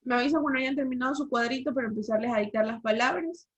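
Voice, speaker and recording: Woman, teacher, online lesson, explanatory, questioning, slightly high pitch, dull lo-fi call sound. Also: fast talker, slightly rough. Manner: explanatory, quizzing the class with questions.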